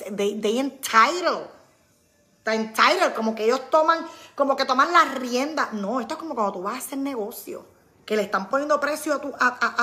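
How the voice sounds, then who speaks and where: A woman talks casually to her viewers, acting out quoted friends as she goes. Her voice sits a little high and sounds bright and forceful. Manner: animated, acts out quoted friends. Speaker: podcast host. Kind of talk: casual live talk to viewers.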